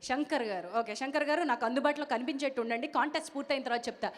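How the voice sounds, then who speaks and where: A woman anchoring a stage event, energetic and teasing as she calls out to the crowd. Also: high-pitched, very fast, big-room sound.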